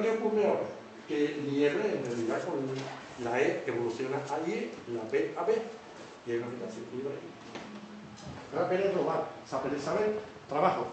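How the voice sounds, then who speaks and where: Male lecturer, slightly high voice, keeps checking in with the crowd; distant mic, very echoey hall. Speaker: teacher. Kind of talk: public lecture on word origins. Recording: echoey hall from far off, faint noise.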